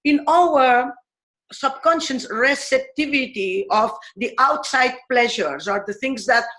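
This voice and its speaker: A woman teacher from Spain, explaining her ideas in English earnestly, pausing often and searching for words. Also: sits high, a bit bright. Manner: earnest and searching, with frequent pauses and fillers. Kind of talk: explanatory talk in a video series.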